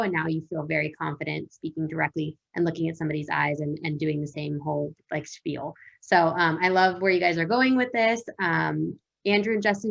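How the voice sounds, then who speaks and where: Creaky-voiced woman moderating a panel. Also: lowish voice. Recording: dull lo-fi call audio.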